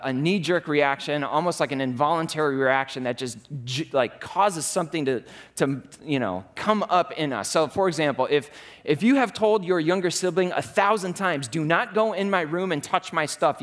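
A man preaching with a slightly higher voice than most men. He speaks in an enthusiastic, conversational way, telling stories as he teaches. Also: fairly bright tone. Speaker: pastor. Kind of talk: sermon.

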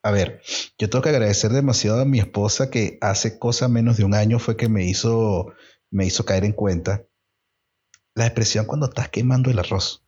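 A Venezuelan man co-hosting a podcast, playful and animated in casual chat. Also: on the low side, moderate pace, slightly rough, dull audio. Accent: Venezuelan Spanish. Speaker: podcast co-host.

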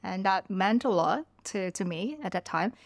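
A Vietnamese woman in her thirties, a podcast guest speaking English, tells casual stories and reflects on her memories with loose phrasing. Her voice is mid-range and expressive at a normal speed, with no room sound.

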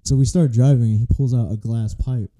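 A man's voice: mid-range voice, fairly even intonation, brisk, mellow. A young man co-hosting a podcast, telling a long rambling story in casual chat. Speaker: podcast co-host.

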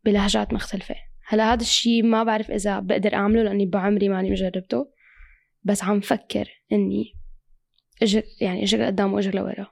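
Creaky-voiced Levantine Arabic woman. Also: mid-range voice, level tone, quick pace, darkish tone, no room sound. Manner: mixes English phrases into Arabic. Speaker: singer and composer being interviewed. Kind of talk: casual conversational interview.

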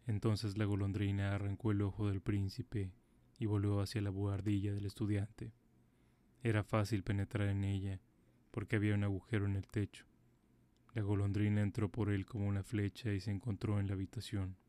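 A man narrating a fairy tale in a calm, even storybook delivery. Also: lowish voice, moderate pace.

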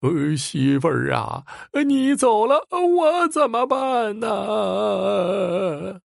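A man's voice: a little high, wildly swooping pitch, normal speed, gravelly, slightly rough, dry recording, clean studio sound, pitched above the performer's own voice, heavily acted. Man doing a wailing village husband. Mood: wailing grief. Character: grieving adult village husband, frightened and stammering.

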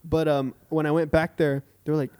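Young guy rambling thru a work story, kinda higher voice, lots of ums. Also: level tone, fairly quick, dark tone, smooth. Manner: rambling storyteller, many fillers and restarts. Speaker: coffee shop employee. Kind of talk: casual chat.

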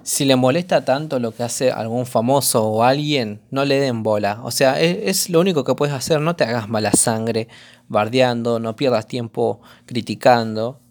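A man with an Argentine accent, hoarse, rambling through a casual commentary vlog with lots of slang and fillers. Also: mid-range voice, normal speed, slight background noise. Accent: Argentine Spanish. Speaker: vlogger.

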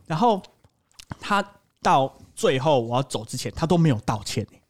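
A man's voice: on the high side, moderate pace. A young man with a Taiwanese Mandarin accent hosting a podcast, telling stories in casual chat full of swearing. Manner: profane, animated storytelling. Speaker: podcast host.

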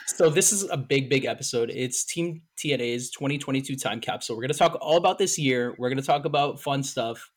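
A man's voice: medium pitch, brisk, hardly any pauses. A man hosting a podcast in casual, profane, hyped-up banter. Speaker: podcast host.

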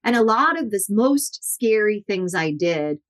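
A woman in her forties, a guest in an interview, telling lively anecdotes and acting out the people she quotes. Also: mid-range voice, unhurried. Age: 40s. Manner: animated, acts out quotes with shifting voices. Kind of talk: storytelling interview.

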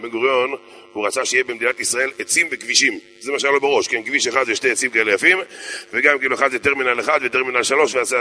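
A man's voice: medium pitch, pushed and bright. A man, a rabbi, preaching with humor: telling jokes and anecdotes, repeating key phrases for emphasis. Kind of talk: humorous sermon.

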